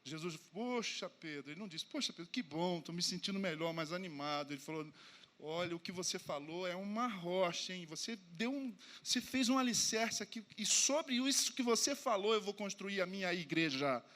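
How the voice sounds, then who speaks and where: A man with a Brazilian Portuguese accent, a pastor preaching to his congregation with animated, self-mocking storytelling and acted-out dialogue. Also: high voice, normal speed. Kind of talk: humorous sermon storytelling. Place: church service before a congregation.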